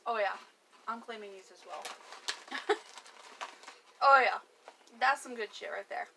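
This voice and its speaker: A woman's voice: on the high side, measured pace, vocal fry, background noise. A woman co-hosting a casual snack taste test at home, talking enthusiastically through a mouthful of food, with casual swearing, recorded on a camera set on a tripod. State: mouth full, chewing. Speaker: co-host. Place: at home indoors.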